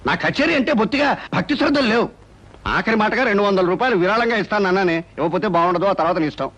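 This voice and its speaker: A pompous, penny-pinching musician father. His very high voice leaps about lively and runs at a quick clip. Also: highs cut off. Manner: pompous and evasive. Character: miserly, pompous middle-aged male musician. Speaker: stingy amateur musician father in a film comedy.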